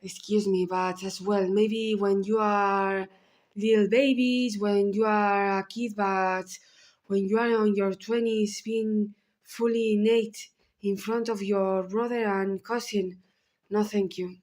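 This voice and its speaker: A woman's voice: medium pitch, fairly even intonation, slow, darkish tone. A woman in her thirties with a Spanish accent, giving a candid film analysis with blunt asides. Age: 30s. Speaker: video essayist.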